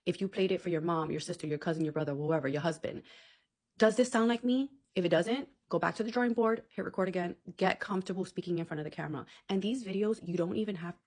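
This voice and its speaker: A woman's voice: lowish voice, quick pace, few pauses, a little mellow. A woman content creator giving casual advice to camera in a chatty, blunt way, swearing freely and checking in with "okay?".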